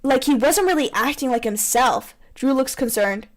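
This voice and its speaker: On a poor amateur microphone, a woman with a high-sitting voice reads fan fiction aloud at a normal speed. She mixes the reading with playful banter, coming across theatrical, bossy, and giggly.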